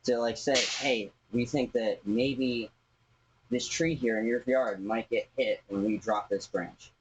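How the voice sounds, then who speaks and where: A man's voice: medium pitch, steady tone, measured pace, breathy edge. A man talking insistently and with annoyance in a confrontational doorstep conversation, picked up by a doorbell camera speaker. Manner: aggrieved, insistent. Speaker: homeowner's son complaining to tree workers. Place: outdoors at a house doorstep. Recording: muffled noisy doorbell camera speaker audio.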